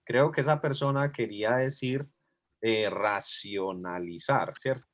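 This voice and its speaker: A man's voice: lowish voice, unhurried. A man teaching an online class, explaining patiently and thinking aloud as he goes.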